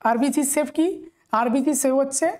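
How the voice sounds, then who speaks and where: With a high voice of darkish tone and a Bengali accent, a young woman delivers exam-prep instruction for nurses. Questions are read out at a slow pace, answers explained briskly, and she keeps checking that her audience is following.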